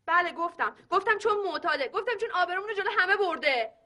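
A sassy daughter talking back, very high, bright edge. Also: female voice, lively intonation, full character voice. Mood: defiant. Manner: talks back boldly. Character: defiant young daughter, sharp-tongued.

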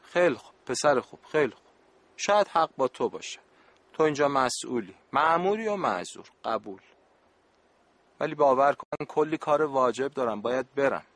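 A man's voice: mid-range voice, animated, fairly bright tone, no echo. A man playing a good-natured adult camp supervisor in a radio play, talking in a joking, exasperated, pleading way.

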